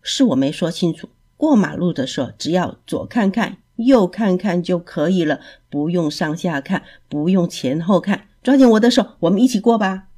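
A woman voicing a patient, kindly male cat who explains things gently in a storybook. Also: fairly low pitch, lively intonation, normal speed, hardly any pauses, slightly rough.

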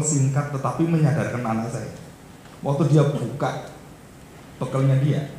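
A man's voice: mid-range voice, dark tone. A middle-aged man preaching a sermon, telling stories and speaking directly to his congregation. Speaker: pastor. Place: large echoey church hall. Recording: very echoey hall, faint background hiss.

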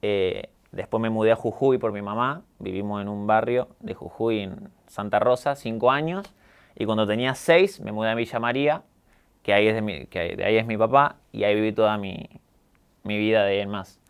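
A young man from Argentina with a neutralized Argentine accent, talking calmly and candidly as a guest in an interview. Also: on the low side, fairly quick, clear, resonant tone. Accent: neutralized Argentine Spanish. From Córdoba, Argentina. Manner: calm, reflective, candid. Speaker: guest, YouTuber. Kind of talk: casual interview talk.

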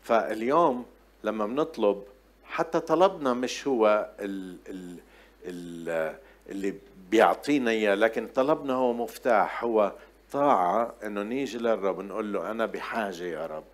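A man preaches a sermon in a low voice. He talks in a loose, conversational way, breaking off and restarting as he tells stories to his congregation. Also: normal speed. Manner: storytelling, conversational with many restarts. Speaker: pastor.

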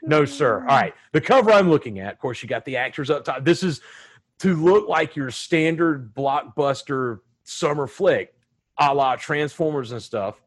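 A man hosting a casual podcast, animated and joking as he leads the talk. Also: medium pitch, moderate pace, husky. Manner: animated and joking, does mock announcements. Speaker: podcast host.

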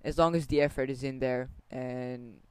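A young man co-hosting a casual podcast, giving relaxed, reassuring advice with lots of fillers. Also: mid-range voice, moderate pace, clean tone, no room sound. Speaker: podcast co-host. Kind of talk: casual chat.

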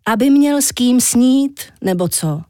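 A woman's voice: on the high side, lively intonation, dark tone, no room sound, studio quality, pitched above the performer's own voice, close to an everyday voice. A woman reading a children's story, voicing a grumpy, complaining young man. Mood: plain. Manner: grumbling, complaining.

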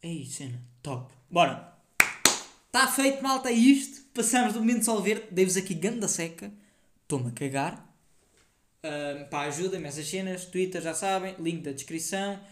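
A man's voice: sits high, lively intonation, normal speed, echoey room. A young man with a European Portuguese accent, hosting a casual solo podcast, rambling and playful with lots of slang. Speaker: podcast host.

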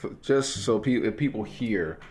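A man hosting a casual podcast interview, talking in a halting, playful and joking way. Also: fairly low pitch, darkish tone. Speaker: podcast host.

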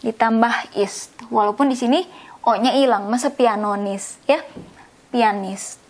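A woman's voice: on the high side, unhurried. A woman teaching a language lesson, patiently explaining and repeating words, often checking in with a questioning "ya?". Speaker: English teacher.

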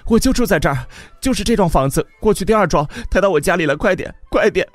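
Guy doing a young woman crying out, high and urgent, begging. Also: animated, fast, no echo, faint music behind. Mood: urgent pleading. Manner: pleading, crying out.

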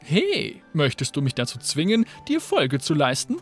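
A woman's voice: low voice, huge pitch swings, moderate pace, soft background music. A woman voicing a battle-hungry female fighter in a video game, who sounds cheerful while saying menacing things. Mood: teasing.

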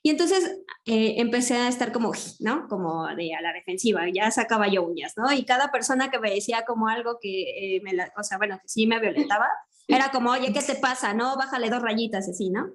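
A woman's voice: fairly high pitch, lively intonation, fairly quick. A woman hosting a podcast, chatting reflectively and retelling conversations with many fillers. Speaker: podcast host. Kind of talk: casual podcast chat.

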